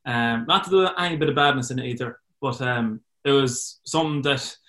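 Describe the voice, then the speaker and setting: A man's voice: medium pitch, brisk, a bit bright. An Irish man aged twenty, hosting a podcast and asking questions in a casual interview style. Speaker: podcast host.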